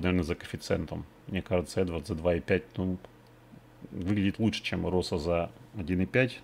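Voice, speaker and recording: A man's voice: sits low, gravelly, a little mellow, slight background noise. A man hosting a betting podcast, previewing fights in a casual, hesitant way, thinking aloud with many fillers. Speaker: MMA betting podcast host.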